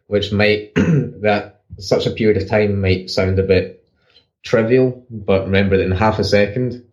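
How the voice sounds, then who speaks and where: Deep-voiced man explaining football tactics. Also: steady tone, a little mellow, highs cut off. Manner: rapid explanations with frequent restarts. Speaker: podcast co-host, football analyst. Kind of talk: casual analytical chat.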